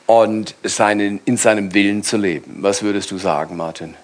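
A man leading a church panel as pastor, calmly encouraging and exhorting the congregation in sermon style. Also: on the low side, moderate pace.

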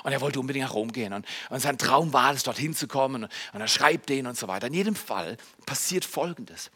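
At a church service, a pastor preaches to his congregation, addressing them directly and animatedly. His medium-pitched, slightly rough voice moves a little fast, swinging between loud emphatic bursts and quiet asides.

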